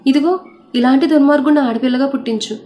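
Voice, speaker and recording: A proud, devout young woman in a storybook tale, pleading one moment and defiant the next, as a woman narrator voices her. Her voice is fairly high with a dark, mellow tone. Soft music plays underneath. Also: fast, lightly acted. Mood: tearful pleading. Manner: pleading and defiant, prays aloud.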